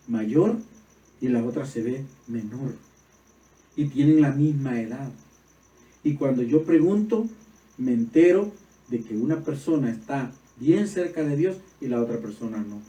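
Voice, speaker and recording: A man preaching a sermon as pastor, swinging from soft reflective passages to loud emphatic peaks. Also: medium pitch, a little slow, long pauses. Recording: roomy echo, voice from far off.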